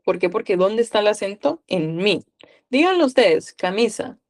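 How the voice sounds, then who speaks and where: A woman's voice: medium pitch, big pitch swings, moderate pace. A woman from Guatemala with a Guatemalan accent, tutoring a live online class and coaxing students with questions.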